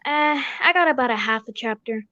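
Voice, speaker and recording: A woman's voice: sits high, animated, a little fast, pushed and bright, no echo, muffled recording. A woman playing a genteel, mildly fussy doctor, the detective's loyal friend, in a radio drama. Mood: mildly exasperated.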